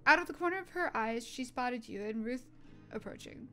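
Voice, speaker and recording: A woman's voice: fairly high pitch, expressive, moderate pace, fairly bright tone. A young woman casually narrating a role-play story, stumbling into fillers and restarts. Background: faint music.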